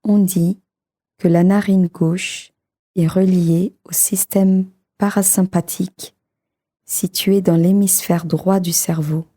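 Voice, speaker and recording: This is a woman's low-leaning, soft voice leading a sleep meditation. She keeps things calm, soothing and measured, drifting into breathiness now and then.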